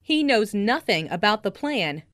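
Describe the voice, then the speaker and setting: Woman, English phrase reader, slow careful delivery, lively rise and fall, dry close sound. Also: medium pitch, no room sound. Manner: careful, clearly enunciated, each sentence said twice. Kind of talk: slow scripted phrase reading for learners.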